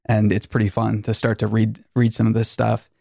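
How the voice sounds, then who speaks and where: A male podcast host with a slightly low, gravelly voice, recorded close and dry in a garage. He rambles casually and jokes drily. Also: completely flat delivery, fairly quick, a little mellow, dry recording.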